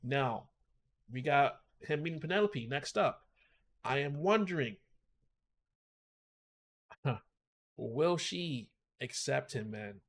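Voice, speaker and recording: A man's voice: mid-range voice, lively intonation, slow, long pauses, fairly bright tone. A man hosting a reaction video, talking emotively and repetitively as he thinks aloud. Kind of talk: casual reaction commentary.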